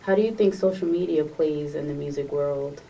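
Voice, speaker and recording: A woman's voice: sits low, moderate pace, mellow. A woman co-hosting a podcast, asking casual questions. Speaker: podcast co-host. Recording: distant mic with faint noise.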